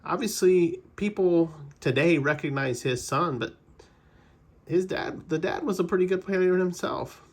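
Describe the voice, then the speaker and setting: A man's voice: high-pitched, unhurried, slightly rough. Chatty man ripping card packs. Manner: chatty, rambling trivia asides with self-corrections. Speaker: card-collecting channel host. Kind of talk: casual pack-opening commentary.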